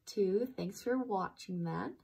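Gentle breathy woman teaching breathwork. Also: mid-range voice, low-quality recording. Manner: slow, gentle explanations with instructions to the listener. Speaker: breathwork instructor. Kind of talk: guided breathwork lesson.

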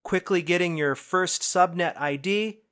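A man narrating a screencast lesson on IT certification, explaining questions in a conversational way that speeds up and slows down for emphasis. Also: sits high, a bit bright. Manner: conversational, explanatory, quick bursts then slow emphasis. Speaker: IT certification instructor.

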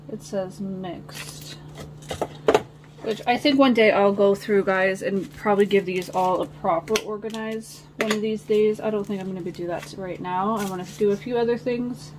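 A woman's voice: medium pitch, background noise. A woman vlogging casually while she organizes her nail studio, rambling and talking to her viewers. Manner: rambling, chatty, talks to viewers as guys. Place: home nail studio, sitting on the floor.

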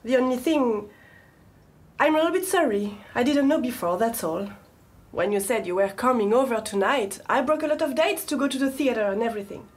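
A woman's voice: fairly high pitch, brisk, a little mellow, lightly acted. An actress playing a prim, wounded woman who is coldly and sarcastically polite to her boyfriend, in naturalistic film dialogue. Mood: icily polite. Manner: icily polite, passive-aggressive, sarcastic self-pity. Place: living room of a home. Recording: roomy room echo, faint background hum.

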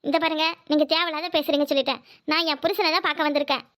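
ஒரு பெண் நடிக்கும் கெஞ்சும், உறுதியான இளம் மனைவி. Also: female voice, high voice, steady tone, racing, fairly bright tone, voice pushed down. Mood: pleading. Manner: pleading, insistent. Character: young wife, pleading and defiant.

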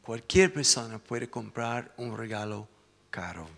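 Slow, gravelly-voiced male preacher. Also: mid-range voice, big-room sound. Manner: lively storytelling, acts out the voices. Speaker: pastor. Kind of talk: sermon storytelling. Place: church sanctuary.

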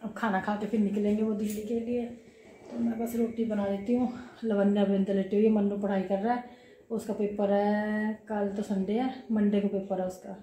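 A mother vlogging at home while unwell, her voice a bit hoarse from a cough, chatting on and rambling. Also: mid-range voice, little pitch movement, moderate pace, warm tone, a little hiss or hum. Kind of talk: casual home vlog. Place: home kitchen. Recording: echoey room.

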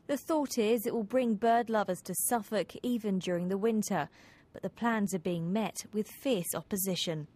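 Woman reporting in a measured tone. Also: mid-range voice, darkish tone. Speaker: news reporter. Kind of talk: scripted news report voice-over.

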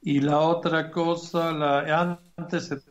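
A man's voice: on the high side, level tone, takes it slowly. Man on a glitching, cutting-out line. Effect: remote connection glitching and cutting out. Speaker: technical guest. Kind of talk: technical explanation on a call. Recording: dull lo-fi remote line.

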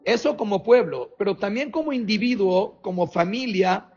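A man preaching as a rabbi, animated, firing off rhetorical questions. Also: sits high, normal speed, breathy edge. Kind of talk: sermon. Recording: dull lo-fi recording.

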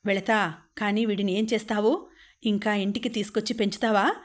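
A woman's voice: mid-range voice, fairly even intonation, brisk, natural voice. A woman reading a sneering cold husband. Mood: scornful. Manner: cold and mocking. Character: harsh, sneering young husband.

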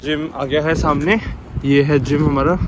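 A man's voice: fairly high pitch, measured pace. A young man casually explaining his route and workout to viewers on a handheld phone outdoors. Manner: relaxed, explaining route and gym routine to viewers. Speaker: vlogger. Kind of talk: casual chat. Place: outdoors on a cycle path and in a gym. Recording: noisy outdoor street ambience.

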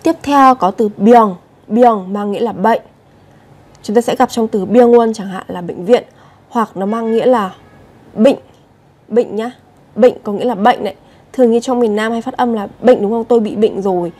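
A woman's voice: a little high, normal speed, a little mellow, slightly rough. A woman teaching Korean vocabulary, patiently repeating each word and speaking straight to her viewers. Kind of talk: vocabulary lesson explanation.

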